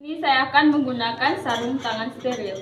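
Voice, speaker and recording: A woman's voice: high voice, a little fast, fairly bright tone. A woman explaining a clinical procedure step by step as a midwife, in a polite, formal customer-service manner. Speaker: midwife demonstrating a patient examination. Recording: echoey room, distant mic, clear background noise.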